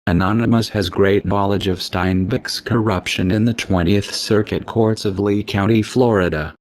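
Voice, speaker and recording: A man's voice, disguised and computer-altered to sound deep, reads a scripted statement. He delivers it slowly in a menacing monotone.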